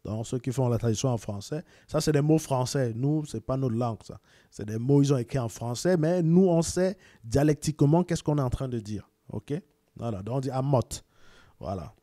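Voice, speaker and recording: Cameroonian guy chatting to viewers, warm mellow voice, dry close sound, repeats himself a lot. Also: mid-range voice, expressive, moderate pace, no echo. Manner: repeats words, sends greetings to viewers. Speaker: video presenter. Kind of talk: casual explanatory talk.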